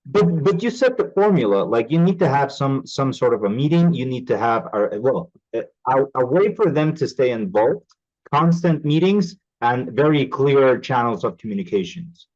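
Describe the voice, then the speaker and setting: A man hosting a podcast in casual interview talk, lively and often stopping to search for words. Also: mid-range voice, moderate pace. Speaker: podcast host. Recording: dull lo-fi call audio.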